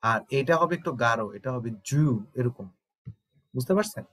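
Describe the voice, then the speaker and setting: A man's voice: medium pitch, animated, normal speed, pushed and bright. A Bangladeshi man teaching an online exam-prep lesson, explaining step by step and often checking that students understand. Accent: Bangladeshi Bengali.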